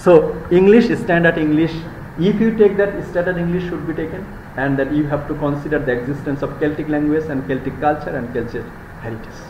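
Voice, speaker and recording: A male lecturer with a Bangladeshi accent addresses his students, slowing right down when reading English quotations and rushing through his own explanations. His voice sits a little high. The classroom sound is echoey, with a faint hiss underneath. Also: darkish tone. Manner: switches between rapid Bengali explanations and slow, deliberate English reading. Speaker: university lecturer. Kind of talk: live classroom lecture mixing Bengali and English. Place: university classroom.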